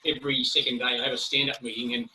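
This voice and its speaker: A man joining an online workshop discussion over a video call, a bit breathless, talking in a loose, relaxed way. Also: medium pitch, very fast. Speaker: webinar participant. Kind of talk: casual discussion. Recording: distant mic with faint noise.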